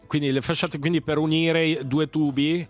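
A man with a Swiss Italian accent hosting a lively radio interview, joking and interjecting as he chats. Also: a little high, moderate pace. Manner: jokey, interjecting. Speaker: radio host. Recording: music playing behind the voice.

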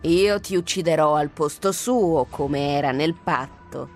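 A woman voicing a cruel, mocking witch queen in a dramatic audiobook reading, slow and menacing. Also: deep voice, darkish tone, soft background music. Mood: gloating.

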